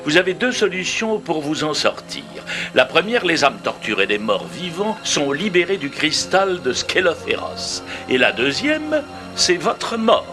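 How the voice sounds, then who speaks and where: An actor playing a learned, excitable mentor of a boy hero in a French cartoon dub, speaking in formal, pompous phrases. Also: fairly high pitch, measured pace. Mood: grave, instructive. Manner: pompous, formal, ornate diction. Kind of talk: French animated series dubbing. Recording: clear music behind the voice.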